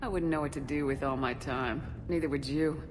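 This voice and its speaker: Low-voiced, resolute military commander. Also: female voice, fairly quick, over music. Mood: wistful, guarded. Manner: restrained, sincere, understated. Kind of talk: video game dramatic acting.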